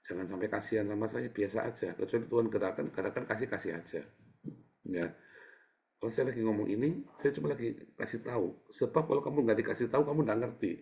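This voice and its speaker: A middle-aged man, a pastor, giving a casual, chatty sermon, often turning to his listeners and swinging from quiet asides to loud, emphatic bursts. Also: fairly low pitch, quick pace, creaky. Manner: keeps addressing listeners as brothers and sisters.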